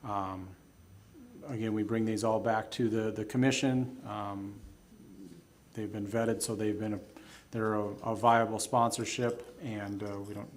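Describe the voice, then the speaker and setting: A man giving an informal report at a public meeting with halting, casual phrasing. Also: fairly low pitch, little pitch movement, a little hiss or hum. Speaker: staff presenter. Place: public commission meeting room.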